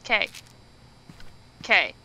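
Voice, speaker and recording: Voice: very slow, muffled recording. A player giving blunt orders and swearing freely during a casual co-op ghost-hunting game over voice chat. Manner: blunt and bossy, swears often. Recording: noisy voice-chat audio.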